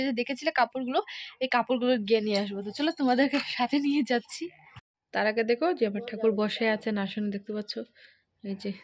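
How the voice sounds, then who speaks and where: A woman narrating a casual village vlog on a handheld phone as she walks along paths and fields, tired from walking and keeping her voice low. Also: slight background noise. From India. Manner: speaks softly while passing neighbours' yards. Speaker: village lifestyle vlogger. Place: outdoors on village paths and fields, then at home. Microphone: handheld phone camera.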